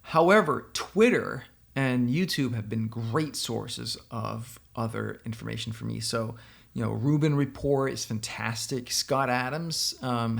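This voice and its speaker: A Danish man who founded a software company offers political commentary in a gravelly, medium-pitched voice. Responding casually to a blog post, he's opinionated and talks straight to the viewer.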